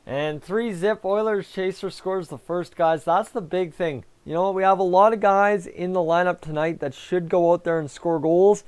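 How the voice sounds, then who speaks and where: A man's voice: high voice, fairly even intonation, normal speed, few pauses, a little mellow, clean tone. A man hosting a live hockey fan reaction stream, chatting casually and answering viewers while talking with a sore, raw tongue. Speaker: fan livestream host.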